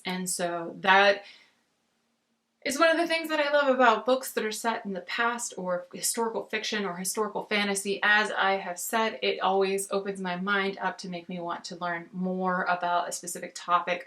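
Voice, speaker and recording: An American woman with a bright, forward voice at an ordinary female pitch gives a casual book review. She rambles in a halting way, often breaking off and rewording her thoughts. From United States. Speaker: book reviewer on a video channel. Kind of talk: casual book chat to camera.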